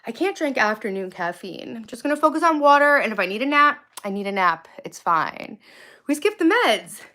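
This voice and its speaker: A woman's voice: fairly high pitch, lively intonation, fairly quick, sharp tone. A woman live streamer chatting casually from home on a phone, blunt and easily sidetracked as she talks to viewers. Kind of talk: casual rambling chat with viewers. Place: indoors at home, moving between rooms. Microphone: phone, moving around. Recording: faint background noise.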